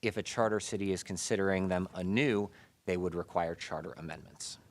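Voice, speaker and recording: An American man, probably in his thirties, gives a formal, measured presentation at a public meeting, his voice muffled by a face mask. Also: deep voice. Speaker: city staff presenter reporting to a committee. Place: indoor city committee meeting room.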